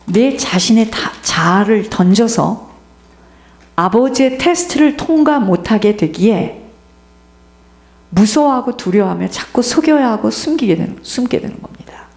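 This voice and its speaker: A woman delivers a sermon with animated storytelling, acting out the people she quotes. Her voice sits fairly high. The recording carries a noticeable echo of the room around her. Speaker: preacher. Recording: echoey room.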